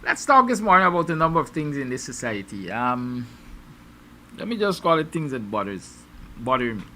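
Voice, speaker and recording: A man's voice: mid-range voice, very animated, moderate pace, pushed and bright, slight background noise. A Guyanese man hosting a morning show, musing aloud with rhetorical, sarcastic questions to his viewers. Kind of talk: opinion monologue to viewers.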